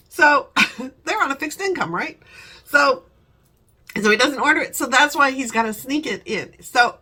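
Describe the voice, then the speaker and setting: Bright, chatty woman vlogger. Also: high voice. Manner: chatty, laughs often, acts out quoted voices. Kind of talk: casual storytelling chat.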